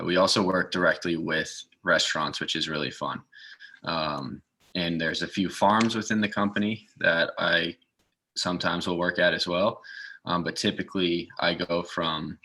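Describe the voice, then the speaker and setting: A man from the northeastern United States, who works as a garden maintenance assistant, explains things as a guest in an informal interview. His voice is low-pitched with a sharp tone.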